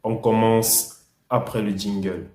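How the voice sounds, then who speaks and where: A young man gives a slow, patient language lesson in a low, fairly flat voice. He repeats each word so learners can say it back. The recording has a noticeable room echo. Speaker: English and French teacher. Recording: echoey room.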